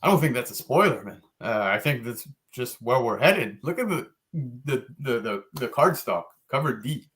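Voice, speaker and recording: A man's voice: mid-range voice, expressive, normal speed, few pauses, a bit bright. A man hosting a casual comics podcast, talking enthusiastically about covers with lots of fillers. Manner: laid-back, enthusiastic, frequent fillers. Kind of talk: casual chat.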